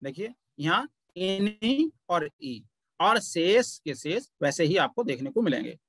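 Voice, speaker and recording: A man teaching Pali grammar in an online class, talking very slowly and patiently, pausing often to point things out. His voice sits a little high for a man. The sound is close and dry, with no room echo. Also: big pitch swings, a bit bright, slightly rough.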